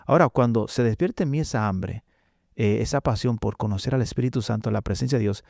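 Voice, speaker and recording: A man recounts a personal testimony in an earnest, halting way, pausing on filler sounds. His voice is warm and dark at an ordinary pitch. It is recorded close and dry in a podcast studio. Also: creaky, dry recording. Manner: earnest storytelling with frequent hesitations. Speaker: guest preacher.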